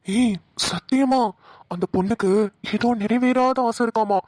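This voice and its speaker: A woman's voice: sits high, animated, moderate pace, dry recording. A woman voicing a young cartoon husband who likes to tease and tell spooky stories. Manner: playful teasing, mock spooky storytelling. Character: young husband, teasing prankster. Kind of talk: cartoon voice dubbing.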